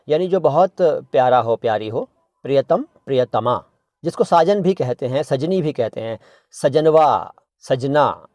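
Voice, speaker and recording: A man with an Indian Hindustani accent runs a relaxed video lesson on vocabulary. He playfully repeats words to correct how people say them, slipping in snatches of old songs. The sound is close and dry. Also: fairly high pitch, no room sound. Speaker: language teacher and channel host. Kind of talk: casual video lesson on Hindi and Urdu words.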